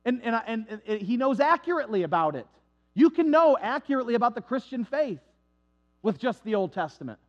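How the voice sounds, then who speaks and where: A male pastor with a notably high voice preaching a storytelling sermon. He is animated and conversational, throwing in casual asides to the congregation. The recording is dull and lo-fi. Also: brisk. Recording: dull lo-fi sound.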